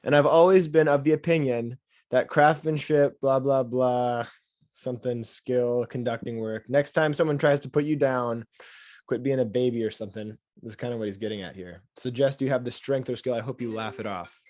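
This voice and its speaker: A man in casual podcast chat, reading out an email and cutting in with dry, sarcastic remarks. His voice is mid-pitched and recorded close and dry, with no room sound. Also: moderate pace, darkish tone, no room sound. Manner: sarcastic asides while reading aloud. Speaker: podcast co-host.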